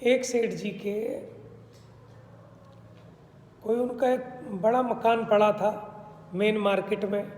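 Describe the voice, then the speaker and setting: A man's voice: high voice, fairly even intonation, slow, pauses often, darkish tone. A man giving a religious discourse, explaining patiently and often checking that listeners understand. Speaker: spiritual teacher. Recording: reverberant hall sound.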